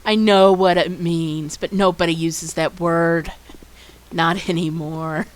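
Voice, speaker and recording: An American woman with a lowish voice speaks slowly and steadily, giving casual commentary while streaming a game. She's chatty, rambling and wry.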